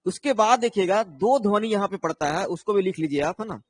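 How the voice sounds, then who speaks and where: A man's voice: sits high, lively intonation, brisk, no echo. A man teaching an online exam-prep lesson, explaining patiently and often checking in with his viewers. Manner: explains patiently, tags lines with "है ना", answers viewers' comments.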